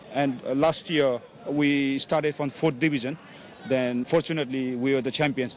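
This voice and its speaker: Halting man interviewed outdoors. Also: mid-range voice. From Hong Kong. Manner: halting, many fillers and restarts. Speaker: football club team manager. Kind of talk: casual interview. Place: outdoor football pitch on a hot day. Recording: faint outdoor noise.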